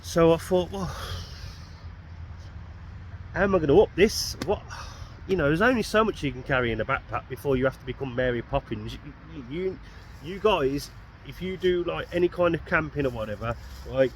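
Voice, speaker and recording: A man's voice: a little high, animated, fairly quick, a little hiss or hum. A man, chatting casually to camera at a night camp by a road, rambling with self-mocking asides. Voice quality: croaky. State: croaky throat. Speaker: camping vlogger. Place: outdoors at an urban roundabout camp at night.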